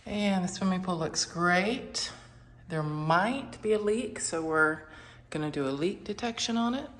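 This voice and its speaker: Woman, slightly low voice, unhurried delivery, short listed phrases, matter-of-fact property tour narration. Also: expressive. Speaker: property renovation presenter. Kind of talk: informal walkthrough narration. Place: inside a house, walking through rooms.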